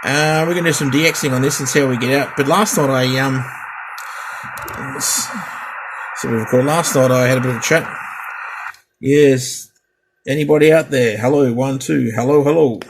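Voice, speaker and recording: This Australian radio hobbyist vlogger speaks at a moderate pace in a steady, medium-pitched voice, leaving long pauses. He chats while testing radio gear in a casual hands-on demo, rambling and repeating test counts. Noticeable background noise comes through the home recording.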